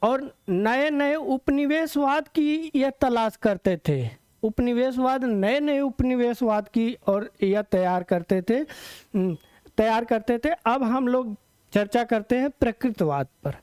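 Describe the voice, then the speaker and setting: A male teacher gives an exam-prep lecture in a smooth, clear voice. He explains step by step, repeats key terms and asks himself questions before answering them. The sound is close and dry, with no room echo. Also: very high-pitched, takes it slowly, darkish tone.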